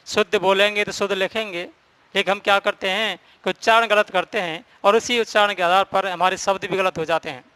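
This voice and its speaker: A man's voice: sits high, fairly even intonation, fairly quick, sharp tone, clear, resonant tone, no room sound. A man teaching a Hindi grammar lesson, explaining rules step by step and repeating the key points.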